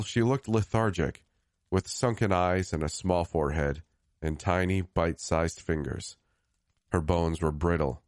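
A man reading a scripted first-person horror story in a grave, measured way, lifting the start of each new phrase. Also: deep voice, a little mellow, no echo, clean studio sound. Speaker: storyteller narrator.

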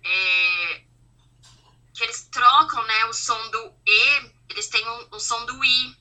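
Brazilian podcast guest, young woman; high, sharp voice; acts out the dialogue in her stories. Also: takes it slowly, rough recording. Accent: Brazilian Portuguese. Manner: animated storyteller acting out dialogue. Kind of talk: casual chat.

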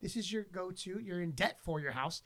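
A man co-hosting a podcast in casual chat, upbeat and quick to say "there you go.". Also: sits high, lively intonation, a loud crowd. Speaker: podcast co-host.

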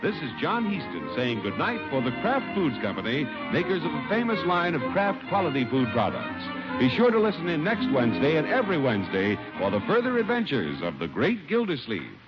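A male radio announcer from the 1940s, selling in a lively, polished voice that swings up and down. He comes through a dull, lo-fi old broadcast disc, with music playing clearly behind him. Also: a little fast, hardly any pauses. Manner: lively, polished sales pitch. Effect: old broadcast transcription disc.

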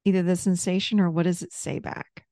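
A woman therapist gently guiding someone through a parts-work session with patient, step-by-step prompts. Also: fairly low pitch, steady tone, a little fast, no room sound, clean studio sound.

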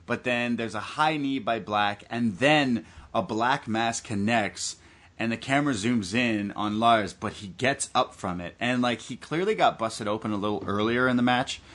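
A man's voice: mid-range voice, normal speed, a bit bright. A man hosting a podcast, giving a casual, enthusiastic fan's recap of a wrestling match. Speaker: podcast host.

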